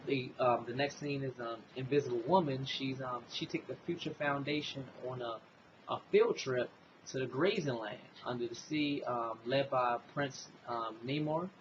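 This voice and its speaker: Male host for a casual comic review, rambling and filler-heavy, mid-range voice, dull lo-fi sound with steady background noise. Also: mid-range voice, normal speed. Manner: rambling retelling with many fillers and "basically".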